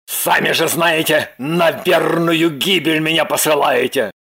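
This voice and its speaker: A man's voice: a little high, a little slow, vocal fry, fairly bright tone, husky, exaggerated voice. A man voicing a pushy, demanding man on the run in an audiobook, blunt and insistent. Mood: insistent, bossy. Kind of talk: audiobook character voice.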